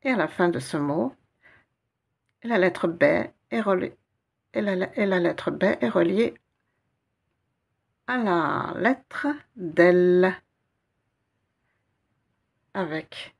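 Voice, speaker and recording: Woman, Arabic reading lesson, gravelly voice, slow repeated syllables. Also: on the low side, expressive. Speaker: Arabic teacher.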